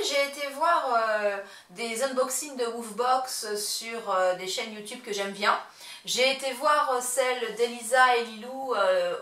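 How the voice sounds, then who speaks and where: A woman's voice: a little high, a bit bright. A woman hosting a casual pet unboxing vlog at home, chatty and hesitant, with frequent fillers. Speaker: pet channel host. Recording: roomy echo, mic at a distance, faint noise.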